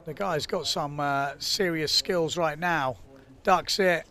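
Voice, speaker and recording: A man calling a live event from a commentary studio, his voice sitting a touch high. He talks in an excitable, chatty way, full of small fillers and quick reactions.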